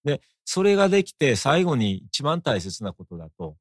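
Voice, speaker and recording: A middle-aged man with an Osaka accent, a guest in a conversational interview, talking in a measured, reflective way. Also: mid-range voice, big pitch swings, no room sound, clean studio sound. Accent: Osaka Japanese.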